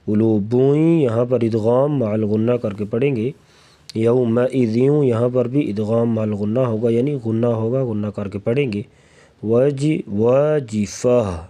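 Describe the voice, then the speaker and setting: A man teaching a recitation lesson who chants verses slowly and explains the rules quickly in a low voice. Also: fairly even intonation, mellow. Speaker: Quran tajweed teacher. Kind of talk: tajweed lesson, slow melodic recitation alternating with rapid explanation.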